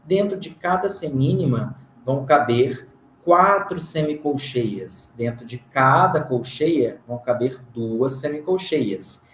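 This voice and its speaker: Slow, patient Brazilian male music teacher. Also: mid-range voice, expressive, a bit bright, a little hiss or hum. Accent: Brazilian Portuguese. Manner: counts beats aloud and chants rhythm syllables. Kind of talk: recorded music theory lesson. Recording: roomy recording.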